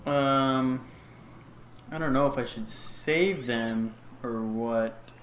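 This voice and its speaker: A man's voice: medium pitch, drawn-out words. A man giving chatty, joking commentary while playing a video game. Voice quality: jokey, chatty, calls characters buddy. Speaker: let's play gamer. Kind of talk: casual gameplay commentary. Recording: echoey room with clear noise.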